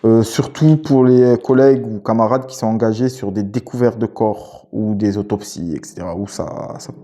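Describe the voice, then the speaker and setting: Mellow-voiced cop chatting gear. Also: male voice, fairly low pitch. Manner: hesitant, many filler pauses, relaxed slang. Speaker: police officer and gear channel host. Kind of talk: casual gear chat to camera.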